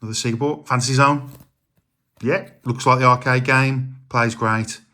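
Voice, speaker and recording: A man's voice: medium pitch, moderate pace. A middle-aged man, chatting casually about his retro game collection with lots of ums and uhs. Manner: relaxed, rambling, many ums and uhs.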